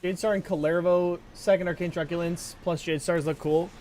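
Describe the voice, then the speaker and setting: A man's voice: steady tone, fairly quick, darkish tone, slight background noise. Man streaming with a raw throat. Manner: low-energy, rambling, answers chat questions. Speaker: game streamer. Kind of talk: casual live-stream chat with viewers.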